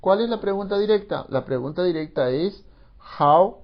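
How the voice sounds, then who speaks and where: A man's voice: high-pitched, expressive, highs cut off. Spanish-speaking man teaching English grammar. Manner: explains slowly, repeats phrases, mixes in English. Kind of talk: classroom grammar lesson.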